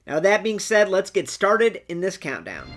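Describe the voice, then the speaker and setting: An opinionated video host with a medium-pitched voice. The delivery is chatty and casual, made for a collector's countdown commentary. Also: huge pitch swings, moderate pace, music in the background.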